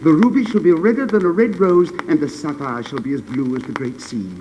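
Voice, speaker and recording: A man doing an eager little swallow, pitched high. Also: fairly quick, close to an everyday voice. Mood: eager, tender. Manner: bright, raised, excited delivery. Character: small loyal male swallow, eager and tender. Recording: noisy recording with clicks.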